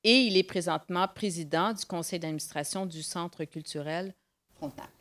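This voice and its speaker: Panel moderator, woman, slightly low voice, halting delivery. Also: fairly bright tone. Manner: hesitant, repeating words.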